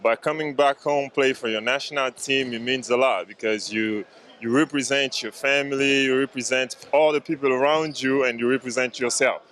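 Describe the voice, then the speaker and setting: Young male player, halting, hesitant answers. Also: mid-range voice, fairly even intonation, fairly bright tone. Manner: hesitant, halting, many fillers. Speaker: basketball player. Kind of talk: casual interview answers.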